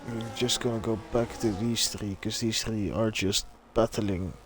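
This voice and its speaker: A man's voice: lowish voice, fairly even intonation, unhurried, background noise. A man casually commentating a live sim racing stream and chatting with viewers. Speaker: race commentator.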